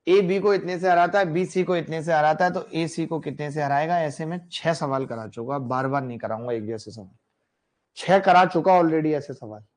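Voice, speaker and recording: A man teaching math in a lively classroom lecture, addressing students directly and playfully. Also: a little high, moderate pace.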